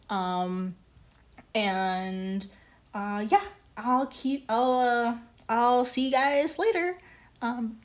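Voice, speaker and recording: A woman streaming her pottery work, chatting casually in a halting way, full of fillers and small laughs. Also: on the high side. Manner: halting, many ums and likes, laughs easily. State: hiccuping. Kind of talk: casual live-stream chat while working.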